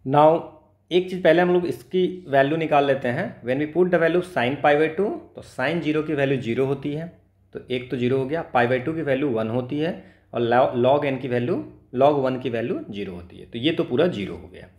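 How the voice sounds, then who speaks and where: This is a medium-pitched, slightly mellow male voice with an Indian accent. He teaches as a maths tutor, explaining worked exam solutions step by step, repeating phrases and using short tags to check that students follow. The sound is roomy with noticeable echo.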